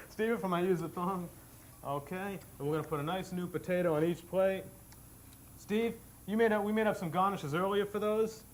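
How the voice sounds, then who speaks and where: A man's voice: high voice, moderate pace, slight background noise. A man co-hosting a cooking demonstration, upbeat and encouraging, cheering on his partner and explaining the steps. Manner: upbeat, encouraging, prompts co-host. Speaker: cooking show co-host.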